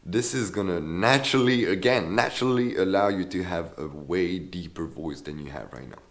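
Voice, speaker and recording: A low-voiced man speaking at normal speed gives a casual video tutorial as a voice coach. He's enthusiastic and keeps checking in with listeners by tagging his sentences with "yeah?".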